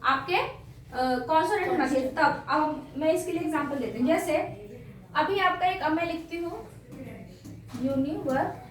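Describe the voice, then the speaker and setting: A woman's voice: sits high, moderate pace, pauses often. A woman teaching a classroom grammar lesson, explaining step by step and asking her students questions. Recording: echoey room, voice from far off, faint noise.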